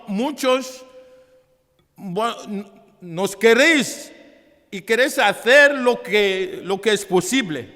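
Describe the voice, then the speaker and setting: A high-voiced man from Africa, not a native Spanish speaker, is a priest and author presenting his book in a hall, preaching and persuading the audience. His tone is bright and forceful, emphatic yet halting, and he repeats phrases. The echoey hall gives a long reverb.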